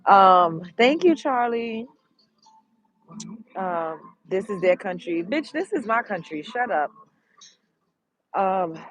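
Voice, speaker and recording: A congested woman from Brooklyn, New York reads viewer comments on a live stream from outdoors on a street, chatting bluntly and with plenty of profanity. Her voice is fairly low in pitch, and the rough recording has no echo.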